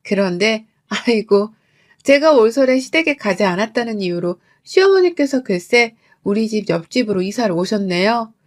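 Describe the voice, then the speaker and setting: A woman telling a first-person family story as scripted narration, in an even, reflective tone. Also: a little high, moderate pace, few pauses.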